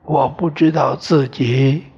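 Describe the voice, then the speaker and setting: A man narrating a novel as an audiobook, in a slow, deliberate storytelling manner that at times drops to a whisper. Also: medium pitch, fairly even intonation, slightly rough, lo-fi sound. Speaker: audiobook reader.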